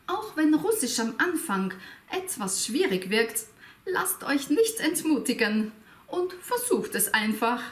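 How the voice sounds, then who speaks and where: A woman hosting an educational video, explaining with a playful, expressive manner and asking viewers rhetorical questions. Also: sits high, slow. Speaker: language teacher and video host. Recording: echoey room, faint music behind.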